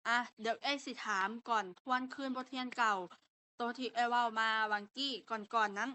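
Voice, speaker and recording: A woman's voice: on the high side, steady tone, moderate pace, sharp tone, a little hiss or hum. A young woman with a Lao accent teaching a grammar lesson to a class, explaining step by step and checking in with her students.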